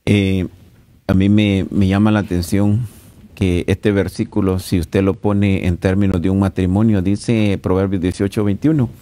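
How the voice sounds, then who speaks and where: A middle-aged pastor with a Central American accent teaches at a marriage retreat, preaching conversationally and earnestly straight to his listeners. His voice is low and dark, and the recording is dry.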